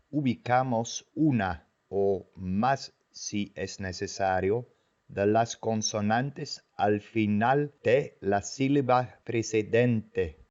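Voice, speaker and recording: A man with a lowish voice delivers a scripted language lesson at a very slow, deliberate pace. He says each vocabulary word several times over before explaining it. The recording sounds dull and lo-fi. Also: a little mellow. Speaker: language teacher.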